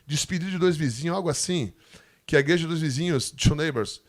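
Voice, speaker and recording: Brazilian guy telling his mission story, kinda high voice, laughs a lot, plays out the people he met. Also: fast. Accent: Brazilian Portuguese. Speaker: missionary guest speaker. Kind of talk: animated storytelling testimony.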